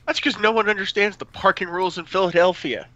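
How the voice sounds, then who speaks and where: A man's voice: high-pitched, fast, a crowd in the background. An American man co-hosting a casual podcast, sarcastic and mock-indignant. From United States. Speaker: podcast co-host. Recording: dull, dry lo-fi sound.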